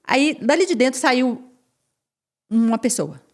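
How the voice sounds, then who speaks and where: A woman guest on a podcast, telling her personal testimony in an animated way, repeating phrases and acting out what others said. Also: sits high, measured pace. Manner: animated, repeats phrases and acts out quoted speech.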